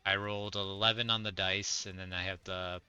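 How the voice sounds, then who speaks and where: Very deep, bright-toned man playing a tabletop game. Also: little pitch movement, fairly quick, smooth, no room sound, highs cut off, soft background music. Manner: methodical, counting out rolls. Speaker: player. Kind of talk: casual tabletop game play.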